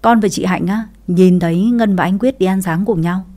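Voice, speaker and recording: A woman voicing a blunt, sharp-tongued young sister-in-law in a read-aloud story. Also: on the low side, moderate pace, natural voice. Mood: plain.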